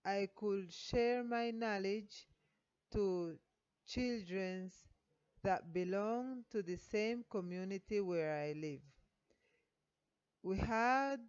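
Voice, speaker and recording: A woman with a Colombian Spanish accent, a native Spanish speaker and student teacher, slowly reading a prepared teaching reflection in English with halting phrasing. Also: medium pitch, darkish tone, clear, resonant tone. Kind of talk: read-aloud teaching reflection. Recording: dull lo-fi recording.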